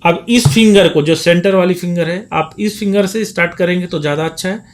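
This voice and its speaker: A man's voice: high voice, a little fast. A man teaching dholak, patiently explaining hand positions and counting beats aloud as he plays. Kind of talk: demonstrating a music lesson. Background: dholak drumming.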